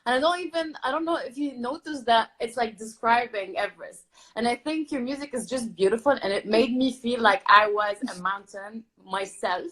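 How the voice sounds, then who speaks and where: A woman's voice: fairly high pitch, moderate pace, fairly bright tone, poor audio. A woman hosts an online talk series and introduces her guest over a video call. Her delivery is enthusiastic and eager, and she uses "literally" and "uh" often. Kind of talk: interview host chat.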